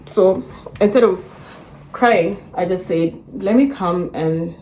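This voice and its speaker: A young Kenyan-accented woman vlogging straight to her phone in a small room, her voice sitting a little low for a woman. She chats casually with plenty of "like", drifting from soft and wistful to loud and lively. The room is echoey, with a faint hiss underneath. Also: slow. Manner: chatty, lots of "like", swings from soft and wistful to loud and animated. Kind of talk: casual chat to camera. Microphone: phone or camera on a stand.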